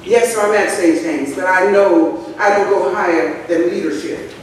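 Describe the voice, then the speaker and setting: An older woman preaching at a church pulpit, her talk loose and conversational as she tells stories and speaks straight to the congregation. The sound booms through a big hall with a long echo and is picked up from a distance, with faint noise underneath. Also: normal speed. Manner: conversational storytelling with asides to the congregation. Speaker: pastor. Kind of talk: sermon. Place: large church sanctuary, at a pulpit. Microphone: pulpit microphone, far camera. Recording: echoey church hall from afar.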